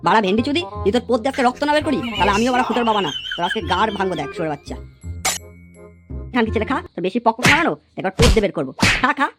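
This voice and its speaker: A hot-tempered, foul-mouthed middle-aged father from a comedy cartoon, as a woman acts him out, cursing and bellowing threats at rapid-fire speed. He sits a little high for a man, and music plays clearly behind him. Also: lively intonation, natural voice. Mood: furious. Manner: coarse, swearing, bellowing threats.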